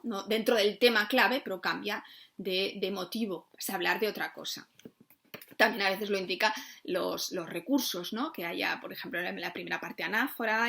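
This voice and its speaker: A woman's voice: medium pitch, vocal fry, a bit bright. A woman, a literature teacher giving an exam review lesson and checking in with "¿eh?" and "¿no?" often. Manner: explanatory, frequent tag questions and fillers.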